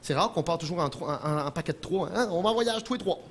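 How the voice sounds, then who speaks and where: Animated Quebec French comic, high voice. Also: male voice, quick pace. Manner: animated, jumps into shouted impressions, chuckles at own jokes. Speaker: stand-up comedian. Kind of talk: stand-up comedy monologue. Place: television studio.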